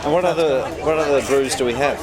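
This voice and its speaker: A man's voice: medium pitch, fast talker. An Australian man hosting a casual interview with guests. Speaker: festival interviewer, show host. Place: outdoors at a beer festival. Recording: outdoor event, crowd and music behind.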